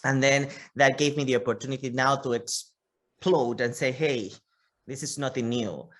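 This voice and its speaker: A physician with a Panamanian Spanish accent, appearing as an interview guest, gives long, conversational answers and often repeats words as he talks. His voice is medium-pitched and his pace moderate.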